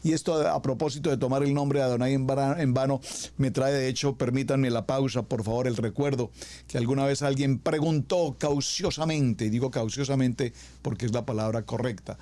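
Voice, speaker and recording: A male pastor preaching a sermon, reading scripture slowly and with emphasis, often repeating pleading phrases to the congregation. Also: mid-range voice, steady tone, warm tone.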